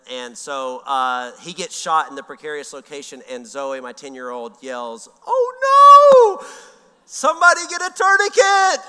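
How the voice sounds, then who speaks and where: Folksy pastor in a reverberant hall. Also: male voice, mid-range voice, pushed and bright, smooth. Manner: folksy, rambling with frequent fillers. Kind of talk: sermon with personal story. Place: church sanctuary. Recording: long reverb of a large church hall.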